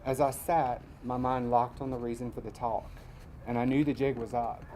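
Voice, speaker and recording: A man from Mississippi, reading his personal essay aloud at a live event in a measured, wry way. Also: medium pitch, flat delivery, warm tone, slight background noise, poor audio. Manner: measured storytelling, wry asides.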